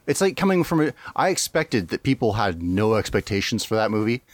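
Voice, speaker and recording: A man's voice: on the low side, very animated, brisk, no echo. A man co-hosting a podcast, chatting casually and rambling with frequent laughs and restarts. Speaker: podcast co-host.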